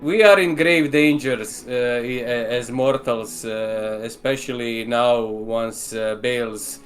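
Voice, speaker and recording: A man playing a devout character in a tabletop game, speaking haltingly with many pauses and fillers. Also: mid-range voice, faint music behind. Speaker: player. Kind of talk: in-character role-play.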